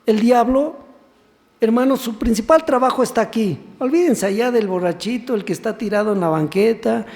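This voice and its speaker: A man's voice: extremely high pitch, moderate pace, a little mellow. A man, a deacon preaching a sermon who keeps asking rhetorical questions and prompts the congregation to finish verses. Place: church sanctuary. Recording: long church reverb.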